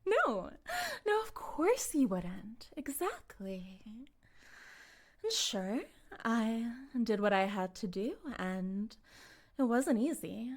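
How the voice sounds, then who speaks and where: A woman plays a smug, possessive female cult leader in an intimate roleplay monologue, speaking deliberately and teasingly and often drifting into a breathy whisper. Her voice is a little high, sing-song and exaggerated, with a smug, coaxing mood.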